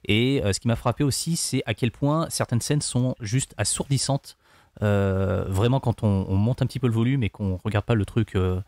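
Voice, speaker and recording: A man's voice: lowish voice, a little mellow, no room sound, studio quality. A man discussing films casually as a panelist, often searching for his words. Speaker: podcast panelist.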